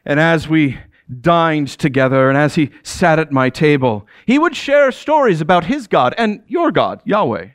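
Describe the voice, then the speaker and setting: Man acting as commanding ancient king, proud, chuckling, lively swooping delivery, dry close sound. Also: on the high side, moderate pace, dry recording. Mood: regal. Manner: commanding, with chuckles between statements. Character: proud middle-aged male Persian king addressing his subjects. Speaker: actor in a biblical character monologue. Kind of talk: theatrical first-person monologue.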